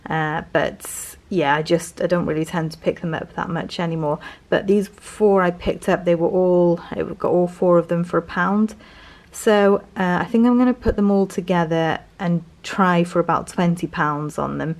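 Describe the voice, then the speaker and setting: A British woman with a fairly low voice talks through a haul in a casual vlog style. Her delivery is hesitant and rambling, like an informal reseller commentary. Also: a little mellow. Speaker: reseller vlogger.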